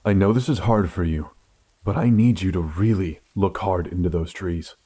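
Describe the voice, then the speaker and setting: An actor playing a mysterious, calm astronaut who speaks softly and from a distance in a horror story. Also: male voice, moderate pace, breathy edge. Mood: hushed, urgent. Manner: soft, low and distant. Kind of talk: audio drama acting.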